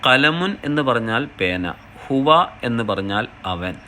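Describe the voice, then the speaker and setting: A man's voice: mid-range voice, lively intonation, a little slow, bright, forceful tone, slight background noise. A man teaching a language lesson, reading each short phrase and then translating it, explaining step by step in a patient way. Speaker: Arabic teacher. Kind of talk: slow classroom explanation.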